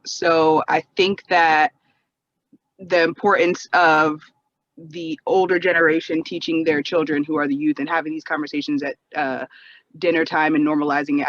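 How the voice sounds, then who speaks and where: Measured female panelist, muffled lo-fi remote audio. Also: deep voice, dry recording. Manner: thoughtful, measured. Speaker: panel guest. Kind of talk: online panel discussion. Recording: dull lo-fi call audio.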